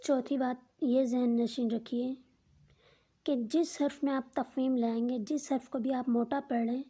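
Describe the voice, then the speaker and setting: A woman teaching a step-by-step Quran recitation lesson, speaking slowly and deliberately and drawing out each letter sound as an example. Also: high voice, fairly even intonation, dark tone, slightly rough. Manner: patient, explains each rule twice in simpler words.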